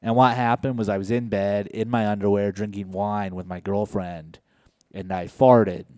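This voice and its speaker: A young man from Indiana doing a stand-up set on a comedy club stage, deadpan and low-key with sudden loud outbursts. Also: normal speed, dry recording, studio quality.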